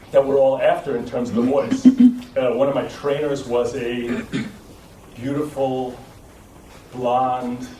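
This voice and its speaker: A man at a mid pitch gives a voice-training lecture to a class, explaining patiently and checking in with the room. He is picked up from a distance, so his voice rings in a roomy, echoing space with a faint hum underneath. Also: darkish tone. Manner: explanatory, with frequent restarts and checking "right?". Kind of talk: live lecture to a group. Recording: echoey room recorded from a distance.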